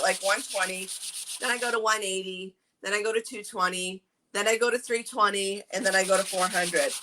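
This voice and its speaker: A middle-aged furniture painting instructor with a New England accent runs a casual live craft demo on furniture staining. She chats with viewers by name and reads their comments aloud. Her voice is mid-range, with background noise in the recording.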